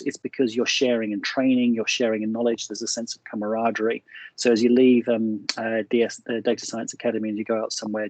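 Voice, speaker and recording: A middle-aged Australian man, appearing as a guest speaker, gives a frank and cynical seminar talk over a video call, full of fillers and restarts. His voice sits at medium pitch with a darkish tone, and the rough recording has no room sound.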